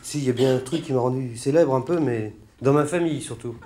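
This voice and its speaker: A man's voice: medium pitch, quick pace, noisy background. Sardonic man doing stand-up. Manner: sardonic, rambling mock-indignant asides. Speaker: stand-up comedian. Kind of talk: stand-up monologue. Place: stage before a laughing audience.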